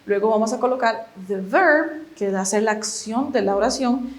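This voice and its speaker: A woman whose first language is Spanish, teaching English grammar in a video lesson. She explains step by step, patiently, and keeps checking with a quick "ok?". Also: a little high.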